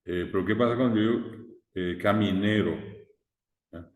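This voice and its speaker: A man's voice: fairly low pitch, moderate pace. A man teaching a recorded online language class, explaining step by step with rhetorical questions and frequent "eh". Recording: echoey room with long reverb.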